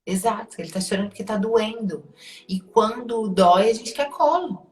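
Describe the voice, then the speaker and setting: A woman with a Brazilian Portuguese accent, working as a life coach, gives emphatic advice and repeats key points for emphasis. Her medium-pitched voice has a darkish tone and moderate pace, recorded in an echoey room with faint music in the background.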